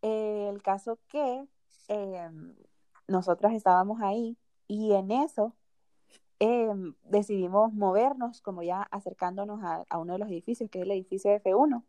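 In a dry recording, a young woman with a mid-range voice hosts a podcast at a moderate pace. She tells a personal story casually and animatedly, often laughing along as she goes.

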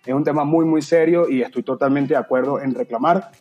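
Husky Venezuelan man, chatty podcast guest. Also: fairly high pitch, a little fast, lo-fi sound, soft background music. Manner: talkative, earnest, slips into playful voices. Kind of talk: casual podcast chat.

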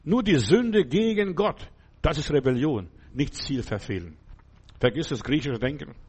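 An older male preacher delivers a sermon in a husky, slightly high voice. He sounds emphatic and conversational, and he keeps turning to his listeners to ask whether they follow. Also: lively intonation, normal speed, darkish tone.

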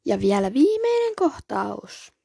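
Gravelly-voiced woman reading a book aloud. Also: fairly high pitch, sing-song, mellow, no room sound, studio quality. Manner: casual and a little apologetic in asides. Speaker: podcast host reading a book. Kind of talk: book reading with casual asides.

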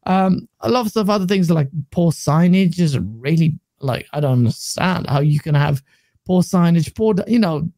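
A man's voice: fairly high pitch, animated, moderate pace, warm tone, no echo. A man as a podcast guest, laughing often and stumbling over his words in casual chat. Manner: laughs often, stammers and restarts.

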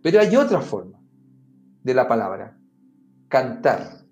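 A man's voice: mid-range voice, big pitch swings, measured pace, dark tone. A man on a podcast giving advice, explaining conversationally and talking straight to the listener. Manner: talks straight to the listener, often saying "mira" and "amigo". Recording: roomy echo with faint music.

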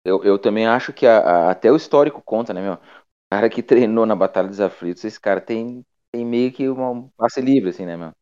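A man giving measured opinions in a casual football debate. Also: lowish voice, darkish tone, smooth. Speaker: football pundit. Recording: slightly muffled audio.

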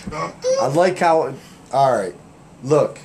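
A man hosting a podcast, joking around with crude, profane banter. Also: medium pitch. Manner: joking, profane, playful trash talk. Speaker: podcast host.

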